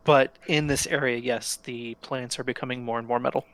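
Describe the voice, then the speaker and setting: A man's voice: mid-range voice, steady tone, moderate pace, a bit bright. A man running a tabletop role-playing game, describing scenes hesitantly with many fillers. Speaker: game master.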